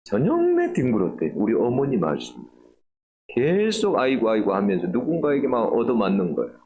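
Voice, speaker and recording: A middle-aged man preaching a sermon, telling a personal story earnestly and rising higher and louder to stress key points. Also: huge pitch swings, normal speed, highs cut off, background noise. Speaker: pastor. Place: church sanctuary.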